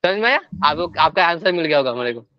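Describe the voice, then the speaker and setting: A high-voiced man explains a point to a class, acting out the mind's tempting voice in quoted exchanges. The recording is dry and dull, like a cheap lo-fi mic. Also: expressive, fast talker, clear, resonant tone, dry recording. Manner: acts out the mind's coaxing voice in quotes. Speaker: teacher.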